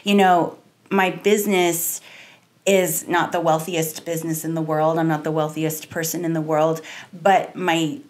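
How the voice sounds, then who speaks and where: A woman in her thirties speaks with a fairly low voice as a guest on a podcast. She talks earnestly and reflectively, running her thoughts together in long chains. She is recorded close on a desk microphone in a small studio. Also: little pitch movement, measured pace, darkish tone. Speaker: salon owner, guest. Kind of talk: podcast interview. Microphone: studio mic on a desk stand, wearing headphones.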